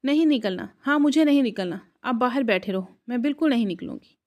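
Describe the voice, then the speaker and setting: A stubborn, childish young bride protests in a whiny, petulant voice, as a woman narrator reads her part. The voice sits high and girlish throughout. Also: animated, a little mellow, natural voice.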